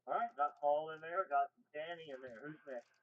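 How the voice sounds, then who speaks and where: A man's voice: fairly high pitch, normal speed. Easygoing male net controller coming through a thin, distant radio link. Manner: easygoing, calling out for stations. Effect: heard over a radio link, thin and distant. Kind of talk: amateur radio net check-ins. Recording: tinny distant radio transmission.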